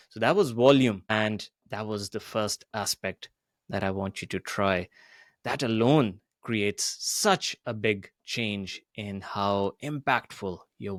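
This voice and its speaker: A man teaching a public speaking lesson, deliberately varying his pitch and volume to demonstrate his points. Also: no echo, studio quality. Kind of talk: voice coaching lesson.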